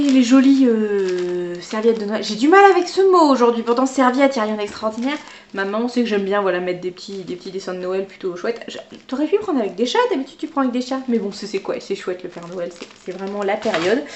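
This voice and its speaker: A woman's voice: mid-range voice, darkish tone. A woman vlogger, a teacher by trade, chatting casually and spontaneously as she unboxes small gifts.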